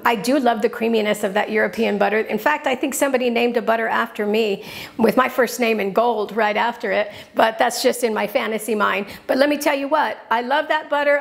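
Cooking host, middle-aged woman, higher voice with a gravelly edge, chatty and upbeat, home kitchen. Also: fairly even intonation, fairly quick. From New Mexico. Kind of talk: cooking demonstration.

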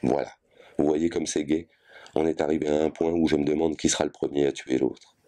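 A volatile, bitter wife who rants on and on without taking a breath, in a very deep and dark voice, as a male reader voices her in a storybook. She swings between tears and spite, words tumbling out in long runs. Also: level tone. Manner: voluble, ranting without pause.

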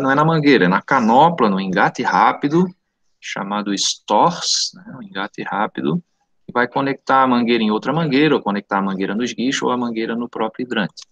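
A man's voice: mid-range voice, fairly bright tone, no room sound. A middle-aged man with a Santa Catarina Brazilian accent and slushy sh sounds for s, giving an informal, conversational online lecture as a teacher, often checking in with short tags. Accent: Santa Catarina Brazilian Portuguese. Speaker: technical course teacher. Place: indoor room at home, online video call.

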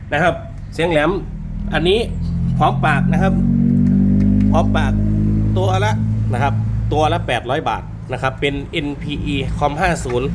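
A man's voice: medium pitch, noisy background. A man presenting shop stock in an informal sales video, going item by item and repeating prices with frequent polite particles. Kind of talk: informal product walk-through sales video.

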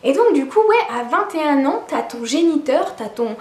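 High-voiced woman telling a candid story. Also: very animated, moderate pace, roomy sound. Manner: candid and conversational, with frequent restarts and asides to viewers. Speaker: YouTuber telling a personal story. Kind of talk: casual storytime vlog.

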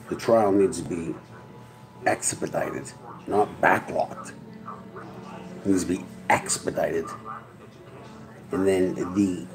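A man's voice: deep voice, poor audio. A man, rambling through a profane, tough-talking monologue to camera. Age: 40s. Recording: crowd noise in background.

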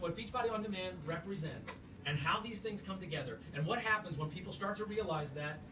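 A man's voice: high-pitched, far from the mic. A man giving a rambling, enthusiastic motivational toast at a company event, full of restarts and fillers. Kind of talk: informal motivational speech. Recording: echoey room, voice from afar, loud background noise.

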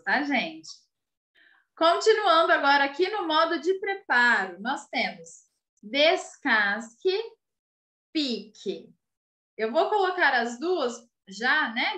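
A female teacher with a Brazilian Portuguese accent gives children a video lesson, patiently spelling and repeating words and checking that the class is following. Her voice is high, bright and forceful, very animated yet slow-paced, and the recording carries a roomy echo.

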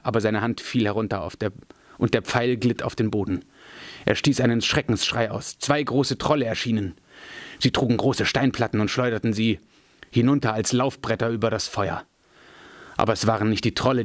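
A man reading a fantasy novel aloud in a measured, dramatic storytelling manner. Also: fairly low pitch, no room sound. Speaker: audiobook reader.

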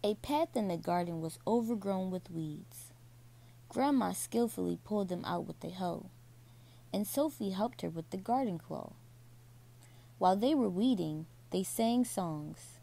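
A woman reads a children's bedtime story at an unhurried pace. Her voice is mellow and low in brightness, with a gravelly edge. The delivery stays soft and soothing. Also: animated.

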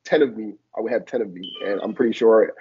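This is a fast-talking young man with a husky, somewhat low voice, a Liberian raised in Philadelphia and a one-time college football player. He's a guest on a casual video call, reflecting with lots of fillers. The recording, made through a laptop camera in a small room, has dull lo-fi quality.

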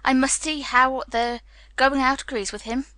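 A woman's voice: high-pitched, fairly even intonation, sharp tone, dry recording. Woman playing a nervous middle-aged doctor. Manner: slightly nervous, measured.

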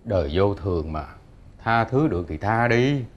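A man's voice: fairly low pitch, lively intonation, normal speed. An actor playing a solemn, forgiving middle-aged father with a southern Vietnamese accent in a television drama.

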